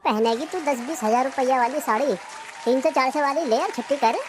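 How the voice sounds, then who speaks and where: A woman's voice: sits high, fairly quick, a crowd in the background, background noise, close to an everyday voice. Woman voicing a stingy bickering village husband. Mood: teasing grumbling. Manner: scolding, mock-dramatic. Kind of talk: cartoon comedy voice acting.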